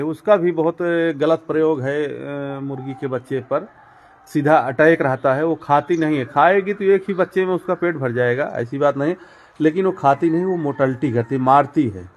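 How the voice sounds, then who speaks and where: A man showing viewers around his poultry farm, explaining step by step with many fillers and repetitions. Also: on the high side. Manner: addresses viewers directly as friends and brother. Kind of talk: casual walk-through demonstration.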